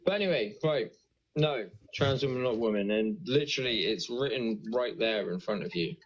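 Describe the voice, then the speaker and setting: A man's voice: medium pitch, expressive, moderate pace, dull audio. A man in his twenties calling into a debate stream, lecturing and arguing his point. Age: 20s. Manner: lecturing, argumentative.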